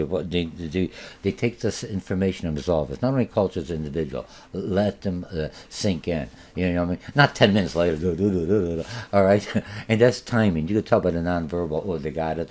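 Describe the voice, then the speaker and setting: A man with a deep, darkish voice and a Polish accent, Polish being his first language, gives a recorded college marketing lecture. He rambles, with many fillers and restarts.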